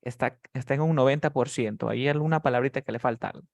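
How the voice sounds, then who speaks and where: A man's voice: mid-range voice, quick pace, vocal fry, a little mellow, no echo. Guy teaching english to beginners, patient, drills words, dry close sound. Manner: patient, drills words and asks students by name. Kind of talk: live online class teaching beginners.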